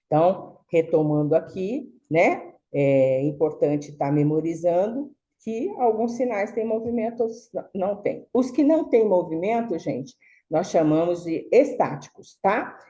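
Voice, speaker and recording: A woman's voice: on the low side, expressive, unhurried, dark tone, lo-fi sound. A woman teaching a sign language class, explaining patiently with many fillers and tag questions. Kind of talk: online lecture.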